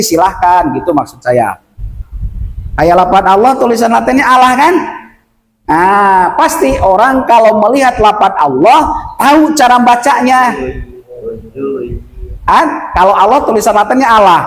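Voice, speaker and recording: A man from West Kalimantan teaching Quran recitation rules to village men, explaining patiently and chanting verses slowly to demonstrate. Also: high voice. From West Kalimantan, Indonesia. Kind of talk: tajwid lesson for village men. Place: village prayer gathering room. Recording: echoey room.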